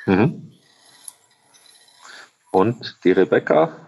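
A man's voice: fairly low pitch, expressive, extremely slow, gravelly, dull audio. A man hosting a podcast interview, friendly and a little hesitant, with many fillers. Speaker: podcast host. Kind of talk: casual interview.

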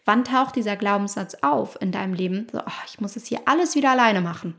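A woman's voice: mid-range voice, fast, vocal fry. A woman in her thirties hosting a motivational podcast, talking straight to the listener, acting out inner voices and asking many rhetorical questions. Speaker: podcast host and life coach.

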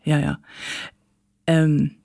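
This guest, an author, tells her own painful story in an interview with candor and a matter-of-fact air. She speaks in a low-pitched, warm voice with vocal fry, drawing out her words in a completely flat delivery, captured as a dry, studio-quality recording.

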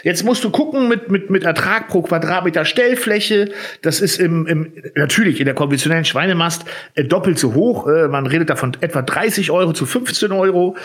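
A man's voice: fairly high pitch, a little fast, a bit bright. A man from Germany co-hosting a casual cooking podcast, explaining things step by step with lots of fillers. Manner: explains with figures, many fillers. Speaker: podcast co-host.

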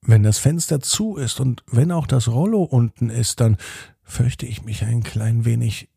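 A man's voice: mid-range voice, unhurried, creaky, warm tone, slightly rough, no echo, studio quality. A man voicing an earnest young girl in a children's story, who pleads and confides. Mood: confiding. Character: dreamy young girl, older twin sister.

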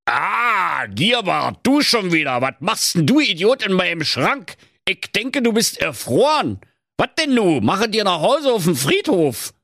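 A man's voice: high voice, big pitch swings, a little slow, vocal fry, pushed and bright, dry recording, studio quality, pitched above the performer's own voice, heavily acted. A man voicing a cantankerous stingy old male miser with a Berlin accent, grumbling and scolding. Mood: angry.

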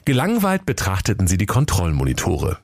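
A man's voice: deep voice, huge pitch swings, a little fast, darkish tone, no room sound, studio quality. A man narrating a comic fairy tale in a mock-solemn storybook manner.

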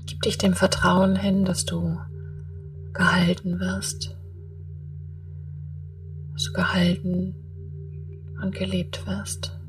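A woman guiding a meditation in a soft, breathy, half-whispered soothing voice, speaking in slow, spaced-out calm instructions. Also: on the low side, recorded from a distance, over music. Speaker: podcast host and meditation guide. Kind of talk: guided meditation.

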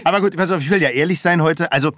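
A German voice actor in his fifties, guesting on a talk show, tells a personal story openly and relaxedly, filling it with lots of fillers. His slightly high voice races along very fast, captured as a dry, clean studio recording in a casual interview chat.

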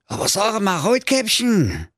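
Man putting on a squeaky Saxon big bad wolf. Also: huge pitch swings, a little slow, a bit bright, no room sound, studio quality, exaggerated voice. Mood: whiny. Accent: Saxon German. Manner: whiny high put-on voice. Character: big bad male wolf, greedy then frightened.

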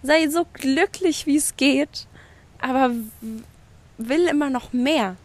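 A woman's voice: high-pitched, slow pace. A woman hosting her own podcast, giving an effusive spiritual pep talk, swearing casually and mixing in English phrases. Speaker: podcast host. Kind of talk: spiritual motivational monologue. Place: outdoors by the sea at night.

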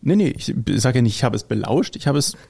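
A German-accented man chatting casually as a podcast co-host. His voice is gravelly and dark, and he wanders through his anecdotes, correcting himself as he goes. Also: mid-range voice, big pitch swings, quick pace. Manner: rambling, anecdotal, self-correcting. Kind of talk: casual chat.

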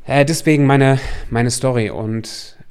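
A man's voice: medium pitch, measured pace, a little mellow, smooth. A man from Germany, a coach hosting a podcast, talking earnestly and reflectively to the listener in a personal monologue.

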